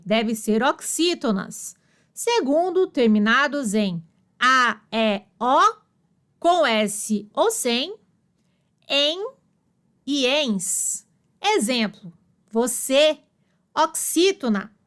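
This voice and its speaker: Slow high-pitched woman reading notes. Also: a bit bright. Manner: slow, list-like dictation of rules and examples. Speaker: exam prep narrator. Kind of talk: reading study notes aloud.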